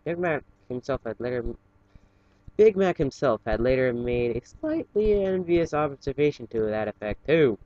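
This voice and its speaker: Here a man with a dark-toned, mid-range voice reads fan fiction for an online channel at a moderate pace with lively intonation. He's informal and amateurish, sometimes stumbling over words, in a dull, lo-fi home recording with no room sound.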